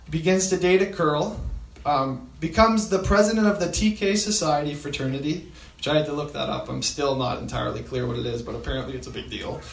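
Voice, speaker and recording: A man's voice: on the high side, brisk, creaky, roomy sound. A man retelling a story to an audience, with frequent fillers and restarts. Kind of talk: storytelling talk.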